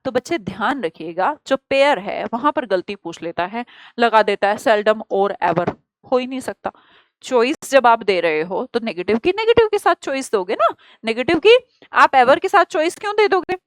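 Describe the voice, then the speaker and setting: A woman with an Indian accent gives an exam-prep grammar lesson in a high, bright-pitched voice. She explains with lively rhetorical questions and calls her students "child". The sound is close and dry, with no room echo. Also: moderate pace. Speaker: teacher.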